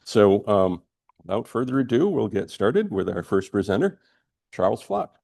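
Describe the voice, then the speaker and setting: A man opens an event in front of an audience as its director. His voice is on the low side, with a dark, relaxed tone. He speaks as a host introducing presenters. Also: moderate pace, creaky. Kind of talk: welcome remarks in front of an audience. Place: room with a live audience.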